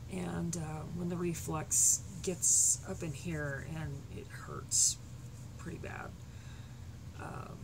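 An artist in her thirties vlogs to her supporters late at night from a small, cluttered bedroom, her deep, creaky, scratchy voice moving at a slow pace with fairly even intonation. The talk is a casual, unscripted update, rambling and hesitant with many ums, picked up by a desk webcam with noisy home audio.

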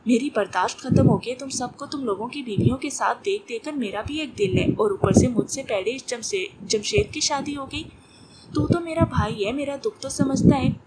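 A woman's voice: high voice, expressive, moderate pace. A woman reading a joking young man. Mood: complaining. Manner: playful complaining. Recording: noisy recording with clicks.

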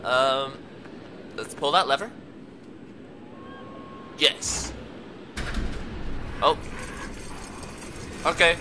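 A young man giving let's play commentary, excitable and talking to the game's characters as he plays. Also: medium pitch, extremely slow, pauses often, background noise. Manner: excitable, talks to the game characters, laughs a lot. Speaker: gamer.

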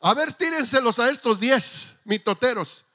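A man's voice: extremely high pitch, expressive, moderate pace, bright, forceful tone. A male pastor preaching a fervent church sermon, calling out to the congregation.

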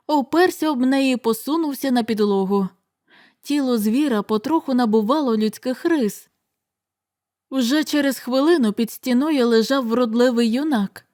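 A woman narrating a horror audiobook in a measured, dramatic storytelling manner. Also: fairly high pitch, darkish tone. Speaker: audiobook reader.

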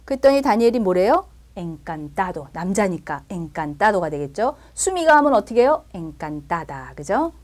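Woman, Spanish teacher, animated pitch, step-by-step explaining, checks in often. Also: unhurried, few pauses. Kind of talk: recorded language lesson.

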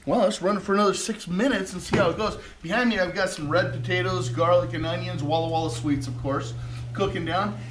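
A man's voice: sits high, brisk, a little hiss or hum. A man in his forties hosting a cooking show, chatting enthusiastically to viewers as he cooks in a kitchen. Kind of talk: casual cooking demonstration. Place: home kitchen studio, indoors.

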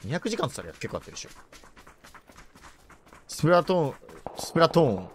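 A woman live-streaming a shooter game in casual chat, rough and tough-talking, joking, reacting loudly to the game and greeting viewers. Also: low-pitched, very animated, fast talker, a little hiss or hum.

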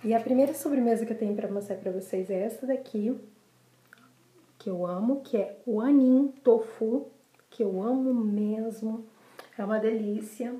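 Speaking at a moderate pace in a fairly high voice with a dark tone, a young adult woman with a Brazilian accent vlogs casually to the camera about desserts. She repeats words for emphasis. The setting is a small, bare indoor room, and the recording echoes.

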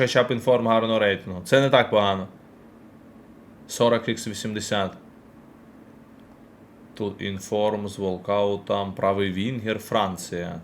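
A man's voice: on the low side, slight background noise. A man streaming a football card game, chatting casually with his viewers as he opens packs and reacts. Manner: chatty, addresses chat directly, quick reactions. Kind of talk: casual live-stream commentary while opening packs.

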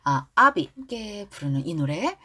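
A woman teaching English through a pop song, first explaining its background and then drilling each lyric line slowly. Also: lowish voice, big pitch swings, bright, forceful tone, husky.

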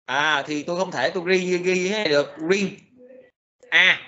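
A man giving a recorded programming lecture, speaking haltingly with many fillers and restarts. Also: high voice, bright, forceful tone, highs cut off.

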